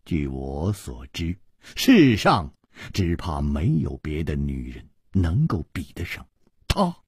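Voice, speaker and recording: A man's voice: medium pitch, huge pitch swings, unhurried, a little mellow, breathy edge, dry recording, clean studio sound, exaggerated voice. A man voicing an easygoing male hero swordsman in a storytelling reading, wry and amused in manner.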